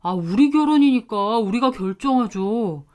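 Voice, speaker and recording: A voice playing a mumbling evasive young husband. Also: male voice, sits high, lively intonation, unhurried, clean tone. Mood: sheepish. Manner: mumbling, hesitant, soft.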